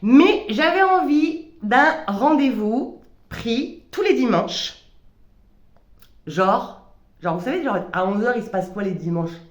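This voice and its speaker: A woman's voice: a little high, animated, slow pace, highs cut off. Hesitant woman vlogging in a roomy space. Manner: hesitant, many stammered restarts. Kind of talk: reflective personal vlog. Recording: roomy echo.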